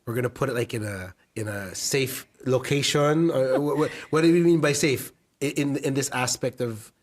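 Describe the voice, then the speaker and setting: A man hosting a podcast interview, asking questions in a halting way with restarts and light jokes. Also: mid-range voice. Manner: halting, many restarts, jokey. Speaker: podcast host. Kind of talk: casual interview talk.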